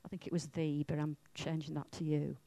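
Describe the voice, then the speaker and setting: A woman from Wales with a Welsh accent, preaching a sermon in a chatty, self-mocking and lively way. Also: deep voice, fast, vocal fry, no echo.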